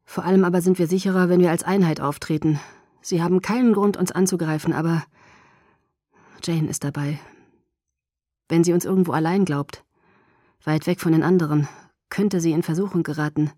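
A woman doing a quiet, tense young male vampire. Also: fairly low pitch, fairly even intonation, normal speed, long pauses, no room sound, studio quality, natural voice. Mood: tense, reassuring. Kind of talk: audiobook character voice.

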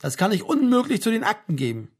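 Guy reading as a gruff bureaucratic army sergeant, curt and officious, husky. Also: high voice, wildly swooping pitch, fast, pitched above the performer's own voice, heavily acted.

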